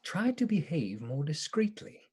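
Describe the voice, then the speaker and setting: A man's voice: a little high, big pitch swings, measured pace, darkish tone, husky, full character voice. A man playing a stern, exasperated asylum doctor in a radio play, curt and formal. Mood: firm, exasperated. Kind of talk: live radio play acting.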